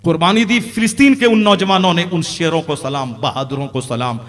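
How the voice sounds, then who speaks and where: A man preaching an impassioned sermon as an Islamic preacher, rising to loud emphatic peaks. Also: fairly high pitch, a little fast.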